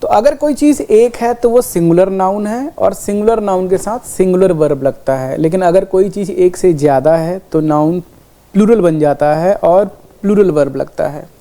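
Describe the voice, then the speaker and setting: Mellow-voiced woman teaching grammar. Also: fairly low pitch. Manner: explains with everyday examples, repeats "ठीक है" often; slows down to spell out English example sentences. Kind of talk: classroom grammar lesson.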